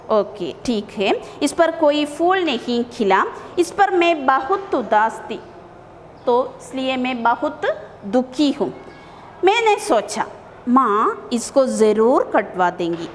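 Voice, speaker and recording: A woman's voice: high-pitched, long reverb tail, slight background noise. A woman teacher reading a Hindi story aloud, repeating lines and explaining words in English.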